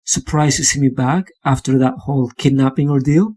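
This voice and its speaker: A man's voice: mid-range voice, fairly quick, dark tone, husky, close to an everyday voice. A man voicing an older aunt who coddles and patronizes in a sugary, sinister way. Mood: cloying. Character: sweet-talking old aunt, sinister underneath.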